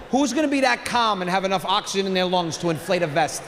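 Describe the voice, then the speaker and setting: A man's voice: sits high, lively intonation, quick pace, a bit bright, slight background noise. A young man doing a brash, profane stand-up set on stage into a handheld mic. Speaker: stand-up comedian. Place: comedy stage in a theater. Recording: live hall reverb, faint crowd.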